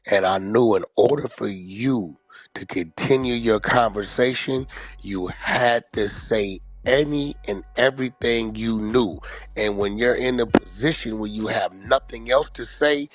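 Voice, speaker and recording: Husky man on a profane, boastful rant. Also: fairly low pitch, dry recording. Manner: mocking, acts out others' voices in quotes.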